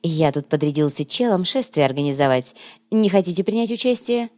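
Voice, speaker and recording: A woman voicing a sly male schemer who speaks in a soft, purring, ingratiating way. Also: fairly low pitch, animated, brisk, close to an everyday voice. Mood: coaxing.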